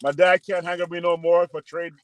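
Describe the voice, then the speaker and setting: A male podcast co-host rambles and jokes through a casual sports debate over a call, often talking over the others. His voice sits high, with a level tone and a fairly quick pace.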